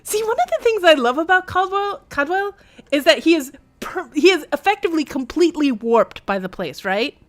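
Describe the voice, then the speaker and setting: Streaming a game, this woman reads in-game text aloud and adds wry, chatty, expressive commentary, all with game music behind her. She has a high voice and talks at normal speed.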